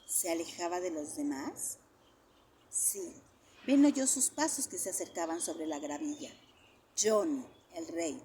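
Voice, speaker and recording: A woman's voice: on the low side, a little slow, a little hiss or hum. A woman reading a novel aloud expressively and sometimes speaking directly to her listeners. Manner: animated, addresses listeners. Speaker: storyteller.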